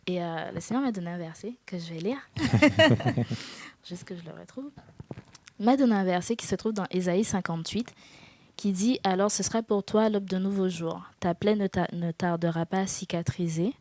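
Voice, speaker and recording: A woman in her twenties giving a personal faith testimony in an interview, earnest and hesitant, with soft laughs. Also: fairly low pitch, moderate pace. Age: 20s. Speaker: guest.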